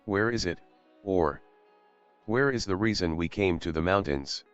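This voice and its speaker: Low smooth monotone guy playing a traveler, kinda dull sound, music behind. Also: moderate pace. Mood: flat awe. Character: awestruck, flat-spoken young male traveler. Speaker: role-play partner. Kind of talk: live role-play.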